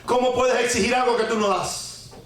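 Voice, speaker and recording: A man with a fairly high, slightly bright, steady voice gives a sermon on the weekly Torah portion at normal speed, asking rhetorical questions and repeating lines for emphasis. He sprinkles in Hebrew terms and folk sayings. The very echoey room makes the recording ring, with a little hiss or hum.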